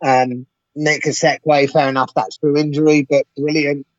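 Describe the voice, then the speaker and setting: A man with a slightly high voice and level tone co-hosts a podcast at normal speed, chatting casually but emphatically. He stammers over his opening words, and the recording sounds dry and a little dull.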